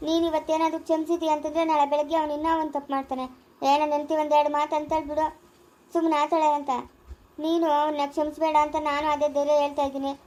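An indignant mother, played by a woman, scolds hard in a very high, rapid voice. She urges her daughter never to forgive. It sounds like an amateur family skit. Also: flat delivery, warm tone, lightly acted. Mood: urging. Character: angry mother defending her wronged daughter.

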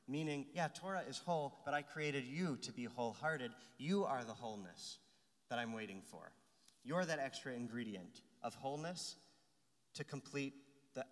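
A middle-aged man preaching a teaching sermon at a lectern microphone, his voice of ordinary pitch for a man. He reads passages and explains them, checking in with listeners. The sound rings with long reverb from a large sanctuary. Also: a bit bright. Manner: explains texts aloud, often asks "right?", some restarts. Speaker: rabbi. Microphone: lectern microphone, filmed by a far camera.

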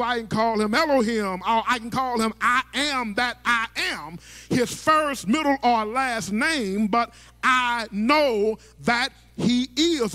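A middle-aged pastor's very high-pitched voice sounds pushed and bright as he preaches a sermon from a church stage, handheld mic in hand. He speaks in rhythmic sing-song phrases, often stammering and starting over, under long church hall reverb.

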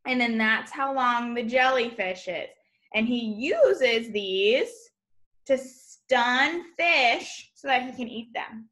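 Her voice is fairly high, bright, and forceful as this young elementary teacher expressively reads a children's nonfiction picture book from a room at home. She adds informal explanations and exclamations aimed at young listeners.

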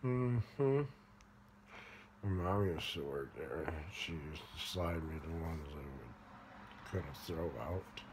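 Someone holds a phone close to capture a Michigan man in his forties sleep-talking on a bed or couch, and the handheld recording is noisy. His extremely low voice is oddly animated as he rambles in a halting, mumbled Midwestern drawl, swearing casually.

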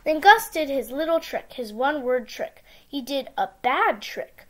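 A woman reading a picture book aloud to young children with simple, expressive storytelling, recorded in a small room on a device mic. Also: high-pitched, a little slow, slight background noise. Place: small indoor room with bookshelves.

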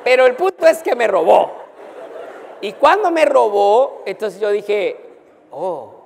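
A male pastor telling a personal story in a lively, anecdotal preaching style. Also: sits high, takes it slowly, vocal fry, a little hiss or hum. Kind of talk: storytelling sermon. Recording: long hall reverb.

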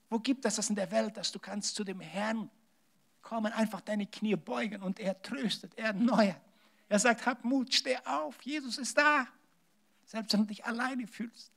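Male pastor, high-pitched voice, lively sermon delivery, loud then hushed. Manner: animated preaching with large swings in loudness, drops to hushed tones.

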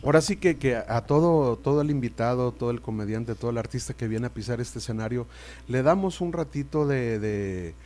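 A man hosting a show and introducing a guest, halting with many fillers. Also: mid-range voice, expressive, a little mellow. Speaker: show host.

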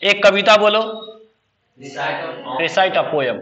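A man's voice: high voice, animated, slow, a bit bright, muffled recording. A man teaching a spoken English class, quizzing students with repeated questions. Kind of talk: classroom lesson.

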